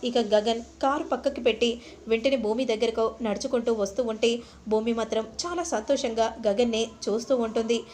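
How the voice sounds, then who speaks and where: A woman retells a TV serial episode in steady storytelling narration. Her voice is fairly high, and faint noise sits behind it. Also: moderate pace.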